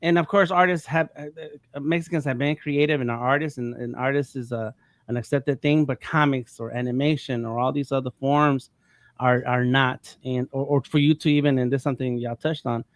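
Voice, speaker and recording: A man's voice: medium pitch, steady tone, brisk, dry recording, clean studio sound. A man in his fifties from the United States, talking casually on a panel, rambling with many restarts. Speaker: panel guest.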